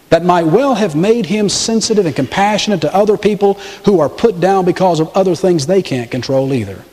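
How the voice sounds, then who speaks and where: A middle-aged man from the American South preaching a sermon as pastor, animated and acting out the voices he quotes. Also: big-room sound. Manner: animated, acts out quoted voices with pitch swings.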